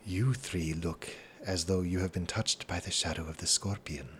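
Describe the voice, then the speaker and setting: A man voicing a thin, distinguished, unsettling male stranger in a tabletop role-play, speaking low and hushed. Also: sing-song, normal speed, slightly rough, heavily acted.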